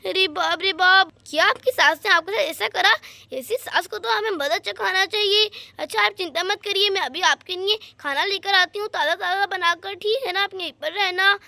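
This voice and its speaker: A woman's voice: very high voice, moderate pace, vocal fry, sharp tone, no room sound, heavily acted. A woman voicing Radha, a kind caring village mother in a doll story, fussing and comforting. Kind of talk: doll story role-play.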